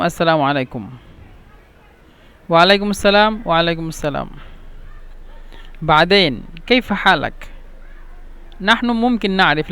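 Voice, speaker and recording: High clear-voiced man teaching phrases. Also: fairly bright tone. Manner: speaks colloquial Arabic, frequent "yani". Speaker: language teacher. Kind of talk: language lesson, repeating phrases slowly.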